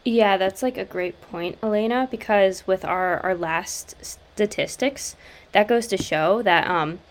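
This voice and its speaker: A woman's voice: medium pitch, a little slow. A woman in a casual discussion who talks through figures with frequent "uh" and "like". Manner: talks through numbers with hesitant fillers. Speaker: discussion participant.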